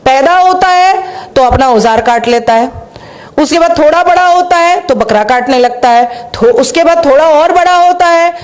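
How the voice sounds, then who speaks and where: Woman commentator, fairly high voice, emphatic and repetitive delivery. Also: moderate pace.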